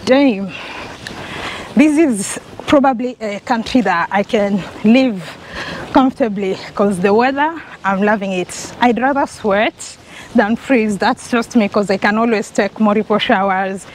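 A young Kenyan woman with a Kenyan accent walks down a sunny residential street, holding an action camera at arm's length and chatting to it for her travel vlog. She's enthusiastic and talkative, with a mid-range voice and a slightly slow pace. The audio quality is poor, with a little background noise.

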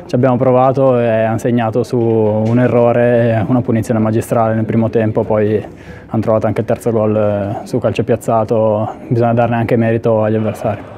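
A footballer in his twenties answers post-match interview questions in an indoor press area before a sponsor backdrop. His voice is fairly low and warm, with little pitch movement and a fairly quick pace. He speaks into a handheld interview mic, and the audio is slightly dull and noisy.

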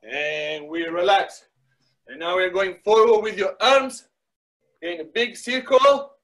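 The audio is poor as a middle-aged soccer fitness coach guides a live workout through short, repeated commands and encouraging words. He has a high-pitched, slightly bright voice and speaks slowly. He's in a small wood-panelled indoor room, recorded by a device mic a few metres away.

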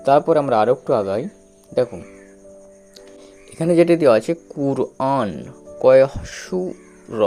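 A man teaching a spelling lesson, sounding out syllables slowly and repeating them, with regular checks that the learner follows. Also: mid-range voice, animated, mellow, soft background music. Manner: slow, repetitive, drawn-out syllables with frequent checks.

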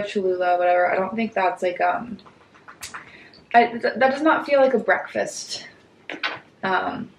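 The recording is poor, with a roomy sound and a bit of hiss or hum, as a cooking vlogger in her twenties talks with a medium-pitched voice. Hungover and giggly, she rambles casually with plenty of likes and ums while moving between her kitchen and dining room indoors.

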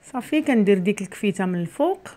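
A middle-aged Moroccan woman talks her viewers through a recipe in a relaxed, chatty way. She keeps calling them "girls" and adds asides as she works. She is recorded in her home kitchen on a camera set on the counter. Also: medium pitch, racing. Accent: Moroccan Arabic. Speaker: cooking channel host. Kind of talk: casual cooking vlog chat. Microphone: camera near the worktop, speaker mostly off frame.

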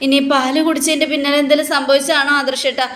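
A woman's voice: sits high, flat delivery, fast, a bit bright, roomy sound. A woman voicing a frightened, devoted young wife who speaks fearfully and pleadingly.

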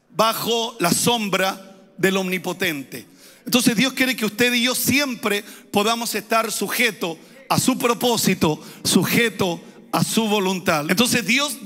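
A man's voice: sits high, pushed and bright. A man, a pastor, preaching a sermon with emphatic, repeated phrases and rising intensity. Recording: hall reverb.

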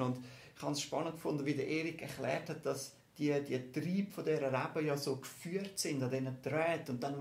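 Gravelly Swiss German preacher in echoey hall. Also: male voice, a little high. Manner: lively preaching with rhetorical tag questions. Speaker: pastor. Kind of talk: sermon. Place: church hall. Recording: echoey church room.

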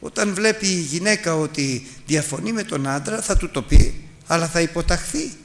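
A middle-aged male preacher teaching from the Bible. His voice sits a little high and sounds bright and forceful. His pitch swings widely as he moves from a homely story to a direct appeal. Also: expressive. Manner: storytelling, then urgent exhortation to the congregation.

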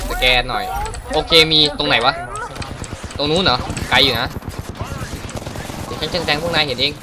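A man's voice: a little high, very noisy. A man giving casual, joking gameplay commentary to his viewers, swearing now and then. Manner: playful, joking, swears a lot, talks to viewers. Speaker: gaming streamer.

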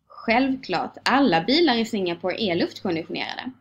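A woman voicing a young male American businessman who speaks calmly and politely. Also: mid-range voice, lightly acted. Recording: dull lo-fi sound.

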